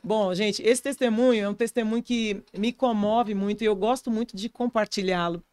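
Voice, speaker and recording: A woman's voice: mid-range voice, steady tone, moderate pace, darkish tone, smooth, no echo. A woman pastor with a Brazilian accent, telling a personal testimony in an interview and acting out the voices of people in her story. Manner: vivid storyteller who acts out quoted voices. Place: podcast studio.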